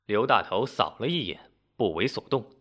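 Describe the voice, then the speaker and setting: Expressive male storyteller. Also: on the low side, moderate pace. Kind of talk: dramatic story narration.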